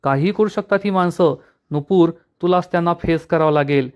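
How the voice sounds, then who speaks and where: A man's voice: on the high side, fairly quick, a little mellow, clean tone, lightly acted. A man doing a stern worried father. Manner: stern, insistent. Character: stern middle-aged father.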